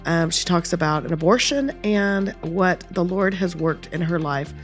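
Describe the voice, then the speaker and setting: A woman's voice: on the low side, moderate pace, soft background music. A woman in her late forties hosting a podcast in a casual, chatty interview style, with a head cold in her voice. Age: late 40s. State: has a cold. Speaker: podcast host.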